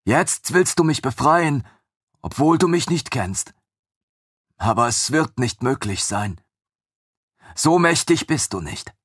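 A man reading an audiobook, voicing a huge, ancient, chained female creature who is weary and proud, in a high, urgent, drawn-out voice. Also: animated, fairly bright tone, slightly rough, no echo, studio quality, heavily acted. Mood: sorrowful.

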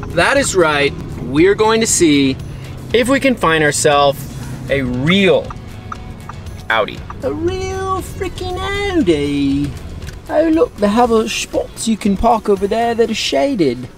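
Gravelly man vlogging from his car. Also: high voice, sing-song, takes it slowly, soft background music. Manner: joking, teasing repetitions. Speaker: travel vlogger. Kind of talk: casual vlog narration. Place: inside a car and outdoors in a city. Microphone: camera mic at arm's length.

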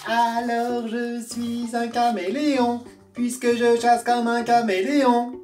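A woman's voice: on the high side, completely flat delivery, slow pace, a little mellow, pitched above the performer's own voice. A woman voicing a naive, chattering little swamp creature looking for a friend, in a storybook reading. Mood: eager. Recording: roomy, distant mic, faint guitar.

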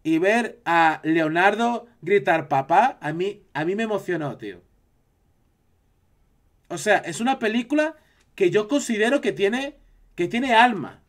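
A man's voice: high voice, lively intonation, unhurried. A man from Spain with a Spanish accent, chatting casually on a live stream and reacting to his chat.

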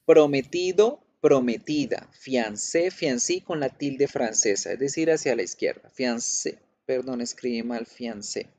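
Slow-speaking male teacher explaining to students. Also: medium pitch, warm tone. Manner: explanatory, addresses students directly with frequent check-ins. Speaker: English teacher. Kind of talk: online class lesson. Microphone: computer mic in a video class.

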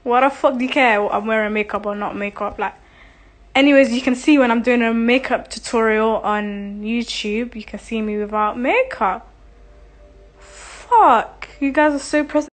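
Chatting casually on a phone livestream, a social media personality in her twenties reads out viewer questions and answers with blunt, profane, laughing replies. Her voice is fairly high and her pace normal, with the phone held close in selfie framing.

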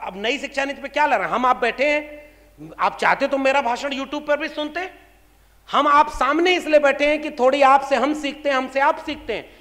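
The voice is extremely high-pitched with a fairly bright tone, belonging to a man from India in his thirties. Addressing a public meeting in a big, echoing hall, he delivers an impassioned political speech full of rhetoric and pointed questions aimed at the crowd.

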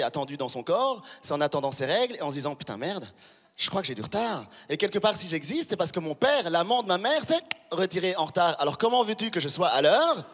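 On a big theatre stage in front of a live crowd, a comedian in his thirties, born in Rwanda, works a handheld mic. His high, fairly bright voice echoes through the large hall as he delivers punchy, conversational jokes and ribs the audience.

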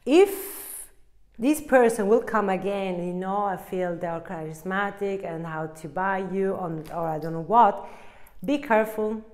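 A woman's voice: mid-range voice, a little slow, darkish tone. Woman, tarot reader, casual, rambling, searches for words, laughs at herself.

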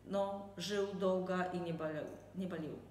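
A woman's voice: lowish voice, fairly even intonation, darkish tone. A woman with a Polish accent answering interview questions in non-native Russian, searching for words as she goes. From Poland. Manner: halting, searching for words, imperfect grammar. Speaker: interview guest, translator and health consultant. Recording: very echoey room with long reverb.

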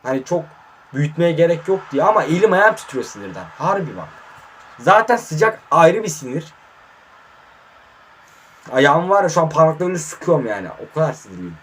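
Husky frustrated man commentating gameplay. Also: fairly high pitch, quick pace. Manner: frustrated muttering with sudden excited outbursts. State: hot and sweating. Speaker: mobile football gamer. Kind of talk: casual live gameplay commentary. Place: warm room indoors.

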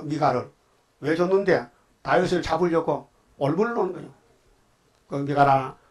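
Male pastor, slightly high voice, folksy storytelling sermon, quick prodding questions, loud bursts and quiet asides. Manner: colloquial storytelling preaching, prodding the congregation with "예?"; swings between loud outbursts and quiet asides. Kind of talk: Sunday afternoon sermon.

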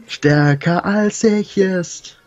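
A man's voice: sits high, extremely slow, darkish tone, dull audio. A man commentating casually on a video game and reading its dialogue aloud in a playful, jokey way. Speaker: let's player co-commentator. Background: game music.

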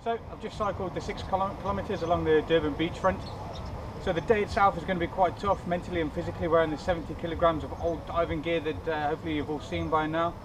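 A man's voice: fairly high pitch, steady tone, quick pace. A man in his thirties chatting upbeat to camera outdoors on a seaside promenade, with plenty of "uh" fillers. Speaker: charity fundraiser. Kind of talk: casual vlog to camera. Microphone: action camera on a stand and handheld on a bike ride. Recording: distant camera mic, outdoor noise.

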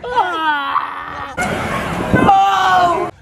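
Young man playing wounded guy, high creaky gasping cries. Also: lively intonation, extremely slow, a loud crowd, full character voice. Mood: agonised. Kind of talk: amateur comic action skit. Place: open sports field outdoors. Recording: noisy outdoor phone video, faint voices behind.

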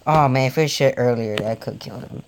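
A young man giving rambling, easily excited, jokey commentary over his own tank game session, recorded on a home mic. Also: mid-range voice, fairly quick, gravelly. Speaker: gaming channel host.

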